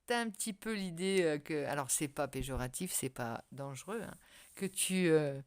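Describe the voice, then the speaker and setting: A woman's voice: sits low, expressive, normal speed. A woman giving a casual, spoken tarot reading straight to the viewer, hesitating often and restarting her sentences. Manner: hesitant, many fillers and restarts, speaks directly to the viewer. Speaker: tarot card reader.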